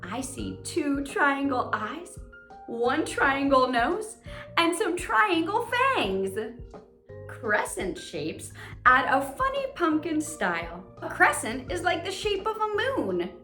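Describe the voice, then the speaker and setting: In a high, sing-song voice with a sharp edge, a woman hosts a read-aloud lesson for children. She questions her young audience in an exaggerated child-directed style and pauses for answers, as plucked guitar music sounds in an echoey space.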